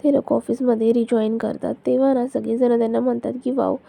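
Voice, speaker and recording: A woman's voice: on the high side, little pitch movement, fast talker, gravelly, dark tone. A woman chattily retelling a TV serial's episode, leaning on filler particles. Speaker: serial recap narrator. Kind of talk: casual plot retelling.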